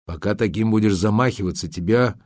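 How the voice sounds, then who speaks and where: A man's voice: on the low side, fairly quick, darkish tone, no room sound, clean studio sound. A man narrating an audiobook in a dramatic reading style, acting out the dialogue. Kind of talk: scripted narration.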